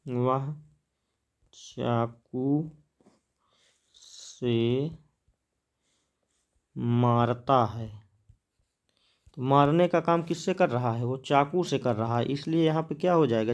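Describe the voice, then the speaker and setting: A man teaching a grammar lesson, writing examples on a board, repeating words as he writes and answering his own questions. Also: mid-range voice.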